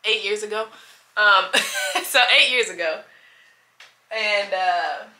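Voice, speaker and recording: A vlogger in her twenties chats casually to her camera, rambling, losing track of the timeline and correcting herself. Her medium-pitched voice is slow, bright and forceful, and the recording quality is low.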